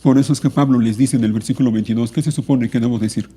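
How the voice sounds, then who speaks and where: A man preaching a sermon to his congregation, earnest and pleading, moving between hushed and raised passages. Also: mid-range voice, fairly even intonation, quick pace, husky. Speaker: pastor.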